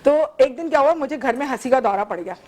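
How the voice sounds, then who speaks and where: High-voiced, laughing woman host. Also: fast talker. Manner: animated storytelling, laughs often. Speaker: morning show host. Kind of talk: casual studio chat.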